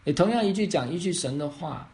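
A man's voice: on the high side, lively intonation, quick pace, vocal fry, a little mellow. A man pastor answering questions on faith, explaining step by step and often checking that he is understood.

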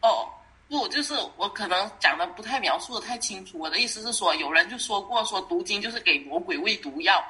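A woman's voice: mid-range voice, lively intonation, fairly quick, pushed and bright. A woman asking a pastor questions, rambling earnestly as she explains what she means.

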